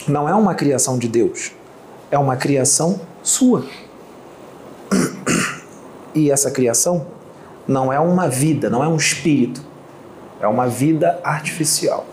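A man giving a channeled spiritual teaching as a medium, piling up repeated phrases and rhetorical questions and clearing his throat often. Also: mid-range voice, lively intonation, a little slow, long pauses, darkish tone. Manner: repetitive lists and rhetorical questions. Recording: roomy echo, faint background noise.

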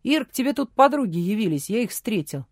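A brash, jovial boss man booms out his greetings and jokes, as a woman narrator puts him on. His voice is raised and lively, folksy and teasing. The audiobook sound is dry and close. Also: fairly quick, dry recording. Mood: jovial, loud.

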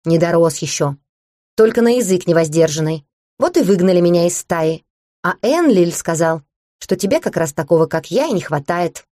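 A woman's voice: lowish voice, expressive, moderate pace, warm tone, dry recording, clean studio sound, natural voice. Orek, a woman voicing a brash little dragon. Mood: cheeky. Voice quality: hoarse little voice. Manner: rude, slangy, brash. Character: cheeky small young male rainbow dragon. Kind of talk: audiobook reading.

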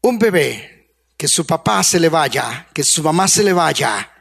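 A man preaching a sermon as pastor, passionate, swinging from hushed to loud, coaxing the congregation with questions. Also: fairly high pitch, very animated, a little slow, gravelly, husky. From Colombia.

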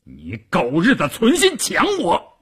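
A man voicing a hot-tempered army division commander who shouts orders and curses, with a husky voice. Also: a little high, wildly swooping pitch, unhurried, full character voice. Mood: furious commanding.

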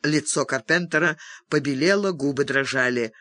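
A man reads an audiobook in a steady, expressive voice pitched a little high. The sound is dry and close to the mic. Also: normal speed, dry recording. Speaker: narrator. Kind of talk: audiobook narration.

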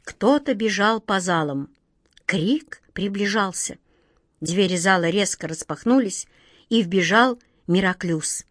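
Woman narrator, fairy-tale audiobook, expressive, dry close sound. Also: medium pitch, takes it slowly, dry recording. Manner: expressive storytelling.

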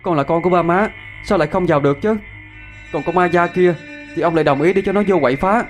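A man voicing a small ghost child who pleads urgently in a high voice. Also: fast, soft background music, lightly acted. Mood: pleading.

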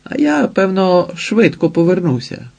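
Man reading a loud, breezy, mocking guy, husky and dark in tone, pitched up and teasing, audiobook figure. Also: sing-song, measured pace, exaggerated voice.

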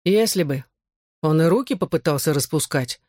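A man's voice: on the high side, animated, normal speed, a little mellow, no echo. Man playing a mocking teen boy, cocky, slightly raised voice, dry sound. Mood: calm warning. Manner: smirking, mocking. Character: cocky joking teenage boy friend. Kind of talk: audiobook character voice.

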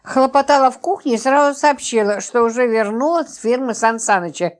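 A woman narrating a novel in a lively, expressive way. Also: on the high side, a little fast. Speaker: audiobook narrator. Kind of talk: scripted narration.

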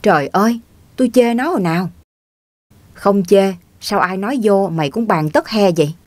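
A woman's voice: medium pitch, moderate pace, darkish tone, no echo, natural voice. A woman reading the part of a touchy, stubborn grown man from the countryside who grumbles defensively. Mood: grumbling.

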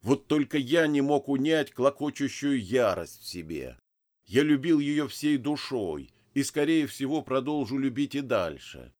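A male narrator reads a first-person story in a measured, restrained way. His pitch sits in the middle but moves widely from phrase to phrase. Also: expressive, darkish tone. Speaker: audiobook narrator.

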